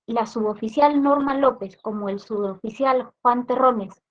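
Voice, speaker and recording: A high-pitched woman with a Peruvian accent leads a police training session, explaining slowly and checking in with her listeners. She keeps tossing in little tag questions. The recording sounds dull and lo-fi. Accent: Peruvian Spanish. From Peru.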